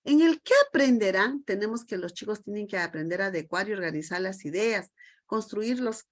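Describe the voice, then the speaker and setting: A middle-aged woman trains teachers over a video call. She speaks emphatically and keeps putting rhetorical questions to her group, with a voice of ordinary pitch. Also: expressive, normal speed. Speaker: teacher trainer leading a session.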